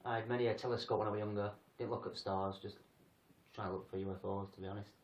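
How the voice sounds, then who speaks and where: A man's voice: fairly low pitch, steady tone, fast talker. A man from England hosting a casual livestream chat, rambling and joking about himself. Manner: rambling, jokey, self-deprecating. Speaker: paranormal group host. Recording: roomy, distant, dull sound.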